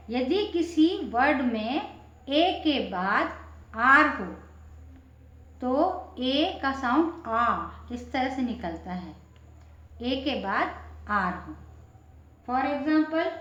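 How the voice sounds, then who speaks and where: A woman's voice: sits high, a bit bright, echoey room, lo-fi sound. A woman teaching spelling and pronunciation rules, spelling words out letter by letter and answering her own questions.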